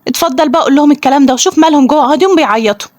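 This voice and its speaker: A woman voicing a harried mother in a toy role-play, scolding rapidly and threatening in an Egyptian Arabic accent. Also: high-pitched, a little mellow, dry recording, lightly acted. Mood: exasperated. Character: harried mother scolding her two children.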